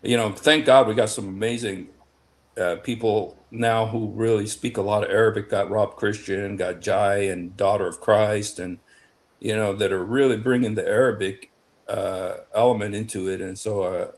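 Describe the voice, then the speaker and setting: A US-raised man is a guest on a casual online panel, talking emphatically and excitably and often restarting and repeating words. His voice is lowish and he speaks at a normal speed.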